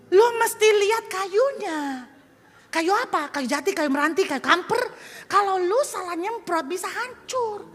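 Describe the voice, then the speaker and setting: A middle-aged woman pastor, preaching and acting out personality types with lively voices. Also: very high-pitched. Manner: animated, acts out temperaments with quick voices and laughs. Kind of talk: sermon. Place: large church hall. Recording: echoey church hall with soft music.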